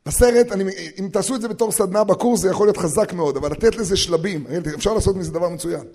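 A high-pitched male teacher giving a Torah lesson to fellow educators. He talks in an animated way, fires off rhetorical questions and acts out quotes, dropping to a hush and then bursting loud. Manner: swings between loud and hushed.

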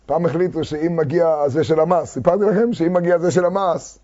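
A man teaching a Talmud lesson to a class, reading quoted texts slowly and then explaining them with fervor. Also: on the high side, warm tone. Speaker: Torah teacher. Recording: dull lo-fi recording.

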